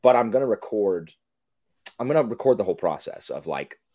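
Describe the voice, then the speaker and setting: A man in his forties, guesting on a podcast via video call, chats casually in an animated, rambling style and keeps interrupting himself. His fairly low voice runs a little fast, and the echo-free audio has its highs cut off.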